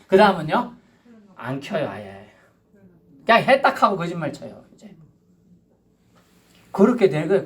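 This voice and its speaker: A male pastor delivers a Sunday sermon in a chatty, lively manner. His voice sits somewhat high for a man, and he jumps between plain talk and acted-out asides. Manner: conversational, animated, with acted-out asides.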